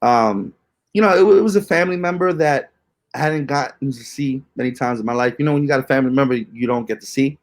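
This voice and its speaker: Fast and medium-pitched, a young man co-hosting a podcast rambles through ghost stories. The talk is loose and slangy, packed with fillers.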